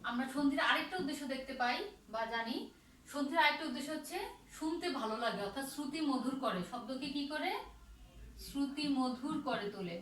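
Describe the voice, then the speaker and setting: High-voiced teacher woman, slow and repetitive. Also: a bit bright, slight background noise. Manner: slow, repetitive, asks and answers her own questions. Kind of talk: online grammar lesson. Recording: roomy echo from far off, faint ambience.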